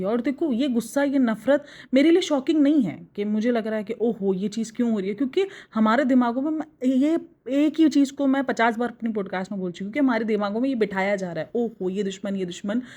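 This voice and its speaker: A woman's voice: a little high, mellow. A woman from Pakistan talking in a casual opinion vlog, arguing emphatically and answering her critics directly. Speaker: vlogger reviewing other vloggers.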